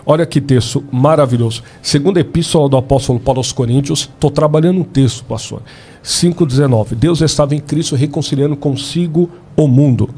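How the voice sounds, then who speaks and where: A Brazilian man, a pastor, laying out his side of a theological debate in a measured, explanatory way and quoting scripture. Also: on the high side, dark tone, breathy edge. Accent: Brazilian Portuguese.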